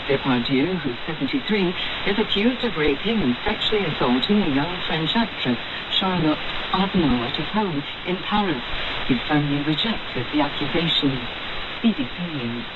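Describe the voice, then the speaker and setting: A woman reading a scripted news bulletin in a crisp, even, formal way, heard through an AM shortwave radio receiver. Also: low-pitched, normal speed. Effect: heard over an AM shortwave radio receiver. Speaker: newsreader. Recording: hissy, muffled shortwave radio reception.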